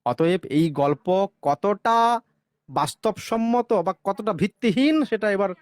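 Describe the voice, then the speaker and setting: A man's voice: sits high, lively intonation, a little slow, no room sound, clean studio sound. A man explaining arithmetic in a sarcastic monologue, now and then chanting a mantra between the sums. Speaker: religious commentator.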